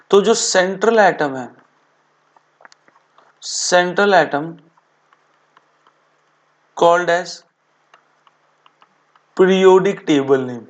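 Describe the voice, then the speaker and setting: A male chemistry teacher giving a board exam revision lecture in casual Hindi, asking rhetorical questions and answering them himself, repeating key terms slowly. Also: a little high. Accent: Hindi-speaking Indian. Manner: addresses students as beta and bhaiya.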